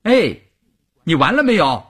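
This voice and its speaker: Brief: man playing young sentry soldier, high, husky, shouting, impatient. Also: very animated, unhurried, exaggerated voice. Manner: shouting, demanding.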